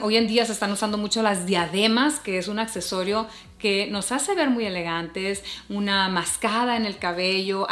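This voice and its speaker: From her bedroom, a fashion and beauty vlogger in her forties chats to the camera with casual style advice, greeting her viewers as "hermosas." Her pitch is medium and her tone warm. She is seated before a bed, shot at chest framing, and the room lends a roomy echo.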